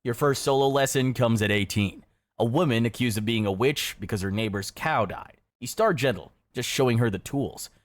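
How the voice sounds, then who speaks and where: A man with a mid-range voice reads scripted second-person narration in a measured, matter-of-fact manner.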